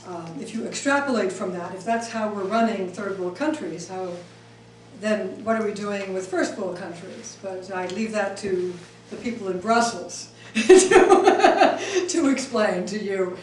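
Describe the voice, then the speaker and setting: Her pitch is medium and her delivery animated yet measured as she, a middle-aged woman who grew up in Switzerland, lectures and takes audience questions full of ums and false starts. A faraway mic in a reverberant room picks up faint noise.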